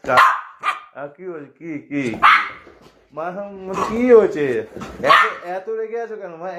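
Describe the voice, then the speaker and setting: A man with a fairly high voice speaks casually to his dog, coaxing and asking again and again. The recording is noisy, with a dog heard in the home. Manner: coaxing, repeats questions to the dog. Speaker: pet owner filming his dog. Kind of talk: casual talk to a pet.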